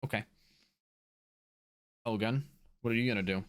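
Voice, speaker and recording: A man's voice: lowish voice, normal speed, smooth, no room sound, clean studio sound. A man running a tabletop game as game master, narrating casually with lots of fillers.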